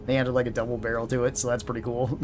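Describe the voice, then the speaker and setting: A man's voice: mid-range voice, quick pace, faint music behind. Laid-back man chatting through a game. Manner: relaxed, chatty, laughs often. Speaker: gaming streamer. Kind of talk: casual gameplay commentary.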